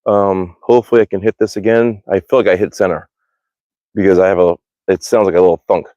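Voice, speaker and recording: At a backyard archery range outdoors, an American man who hosts livestreams and shoots archery as a hobby chats casually, rambling in an informal, slangy way. His voice sits low and warm, with fairly even intonation and a fast pace. There's no room sound, and the highs are cut off.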